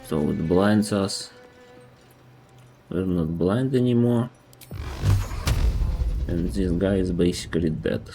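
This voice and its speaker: A native Russian-speaking man with a Russian accent streams a game, chatting thoughtfully in casual commentary and often stopping to restart sentences. His voice is deep, creaky and mellow, slow with frequent pauses, over soft background music.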